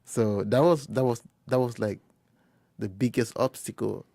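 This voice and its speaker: A young man from Liberia, a first-year college student, telling his story in an interview in a halting way, often restarting and quoting conversations. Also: medium pitch, fairly even intonation, warm tone, dry recording. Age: young adult. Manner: halting, with frequent restarts and quoted dialogue. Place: quiet recording booth.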